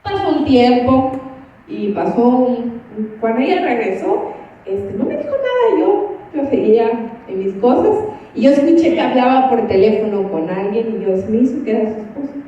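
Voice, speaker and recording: A woman's voice: on the high side, sing-song, normal speed, a little hiss or hum. A woman minister preaching a sermon, telling a counseling story and acting out both sides of the conversations. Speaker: church minister giving counsel. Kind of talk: sermon with a personal testimony. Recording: echoey, distant, dull church recording.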